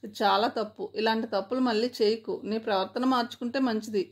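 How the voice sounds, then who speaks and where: A woman's voice: a little high, fairly even intonation, brisk, natural voice. A woman voicing an angry young man who scolds with hurt reproach, in a read-aloud story. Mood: reproachful.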